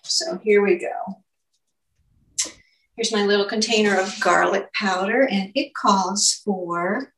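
A woman's voice: mid-range voice, creaky, a bit bright. Older woman chatting through a kitchen demo. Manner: chatty, explains each step aloud. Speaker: home cooking host. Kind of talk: casual cooking demonstration. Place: home kitchen, indoors. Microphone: camera mic at a distance. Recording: echoey kitchen, distant mic.

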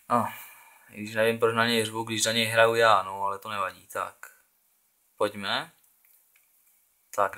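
A young man with a low, bright voice talks casually over a football match in a video game. He thinks aloud and keeps urging his players on. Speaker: gaming channel host.

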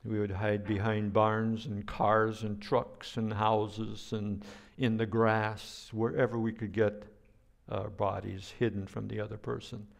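An older man preaching a sermon as a pastor, speaking in a slow, deliberate way, with playful sound effects now and then. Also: fairly low pitch, level tone, creaky.

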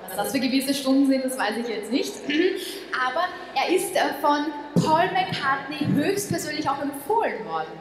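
High, lively female co-host, echoey hall. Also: moderate pace, a little hiss or hum. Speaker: stage show co-host. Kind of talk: bantering stage presenting. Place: large hall, on stage. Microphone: handheld microphone.

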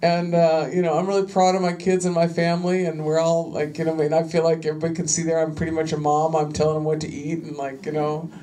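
Talking fast with hardly any pauses, this middle-aged panel guest has a low, dark voice with little pitch movement. Her casual stories ramble along full of "you know," and her voice climbs and turns sharp whenever she quotes herself standing up to others.

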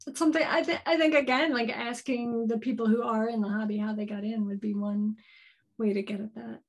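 A woman's voice: a little high, steady tone, brisk. A woman in her thirties answering questions as a keynote speaker on a video call from a home office, thoughtful and hedging, often restarting her sentences. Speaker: keynote speaker, board game designer. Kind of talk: live Q&A answers. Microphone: video call webcam.

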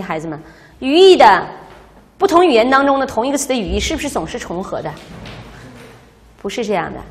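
Woman language teacher, lively classroom lecture, fairly high voice, long room reverb. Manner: lively, explanatory, quizzes students.

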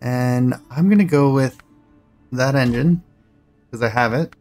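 Gravelly man musing over game music. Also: medium pitch, unhurried, darkish tone, low-quality recording. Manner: rambling, thinking aloud while playing. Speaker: gaming channel host. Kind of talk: casual gameplay commentary.

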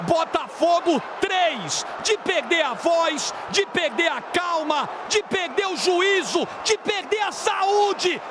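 A man with a Brazilian accent giving live football commentary, with long drawn-out goal yells. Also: extremely high pitch, lively intonation, background noise. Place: broadcast studio. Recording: loud music and crowd behind.

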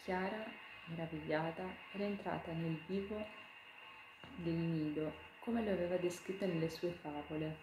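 A woman reading a children's fairy tale aloud in a gentle, measured storytelling voice. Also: on the low side, steady tone, background noise. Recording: echoey room.

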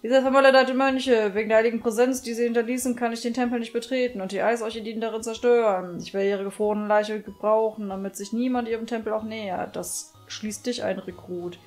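A woman voicing a sinister male warlock villain in a game, reading his lines in a loud, grandiose way with an evil laugh. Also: fairly high pitch, steady tone, fairly quick, few pauses, faint music behind, natural voice. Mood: menacing. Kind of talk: reading game dialogue aloud.

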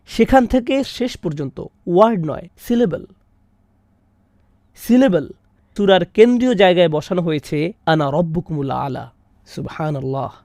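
A man giving a dubbed Quran commentary lecture, expressive, reciting Arabic verses and acting out frightened cries. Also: high-pitched, no room sound, studio quality. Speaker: Bengali dubbing voice of a Quran lecturer.

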